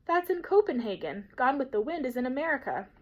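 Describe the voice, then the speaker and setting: A woman's voice: sits high, big pitch swings, fairly quick, dull audio, pitched above the performer's own voice. A woman voicing a young girl, an older sister who is a bit impatient and scoffing, in a storybook reading.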